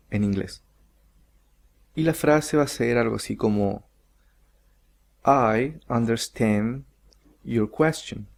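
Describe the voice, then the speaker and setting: A man teaching English grammar, explaining slowly and carefully and stretching out each English example sentence. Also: medium pitch, vocal fry, darkish tone. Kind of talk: recorded grammar lesson.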